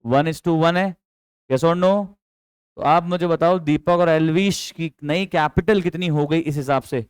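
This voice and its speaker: Young male teacher with a high, smooth voice. Chatty coaching tone that keeps drilling students with questions, recorded close and dry. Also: measured pace, no echo. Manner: chatty, coaxing, quizzes students with repeated questions; mixes English terms into speech. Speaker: accountancy teacher. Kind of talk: classroom lecture.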